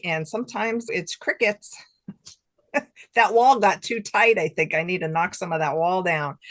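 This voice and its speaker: Low-pitched yet fairly bright, this middle-aged woman's voice comes through with no room sound. She's an author appearing as an interview guest, speaking casually, poking fun at herself and chuckling between comments.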